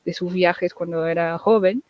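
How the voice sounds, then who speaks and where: A woman's voice: fairly low pitch, fairly even intonation, moderate pace, dry recording, lo-fi sound. A woman from England, a native English speaker, chatting casually as an interview guest in Spanish with an English-tinged Andalusian accent, hesitant and repeating words.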